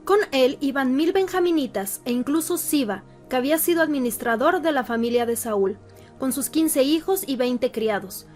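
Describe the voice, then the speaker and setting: Lady reading bible passages, high voice, steady pace, soft music behind. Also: moderate pace. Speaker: scripture reader. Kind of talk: scripted narration. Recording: faint background music.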